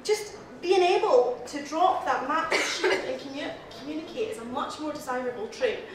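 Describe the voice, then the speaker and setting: A Scottish woman gives a humorous toast speech. She is nervous and giggles between her lines, and her voice sits high. She is recorded from far off in a very echoey hall with faint background noise. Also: expressive, moderate pace. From Scotland. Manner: giggly, laughs often between lines, apologizes a lot. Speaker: speaker giving the reply to the toast to the lassies.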